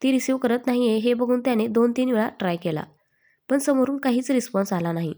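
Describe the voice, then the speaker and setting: A woman narrating a scripted story in an expressive storytelling manner. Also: fairly high pitch, fast.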